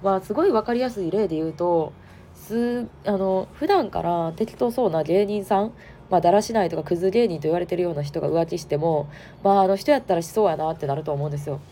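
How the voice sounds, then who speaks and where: Woman, Kansai accent, hoarse and congested, gravelly fry, mellow dark tone, casual podcast monologue. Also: lowish voice, fast, a little hiss or hum. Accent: Kansai Japanese. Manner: chatty, frank, many fillers. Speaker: podcast host. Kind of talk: casual solo podcast talk.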